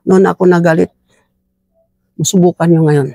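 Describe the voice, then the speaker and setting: A man with a high, gravelly voice tells his story in an earnest, heated way. He keeps addressing his listener as sir, and anger often rises in his words. The sound is dry and close. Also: level tone, normal speed, dark tone, dry recording. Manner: angry and emphatic when recounting abuses. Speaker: interviewee, militia member. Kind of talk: conversational testimony.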